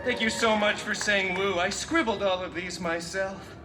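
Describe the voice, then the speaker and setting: Sitting high but with fairly even intonation and only light acting, a man portrays a vain, campy masked antihero telling a story live to kids at a theme park. The tone is wry and sarcastic, moving from theatrical delivery to quick asides and crowd banter. It's an echoey live show with loud music behind.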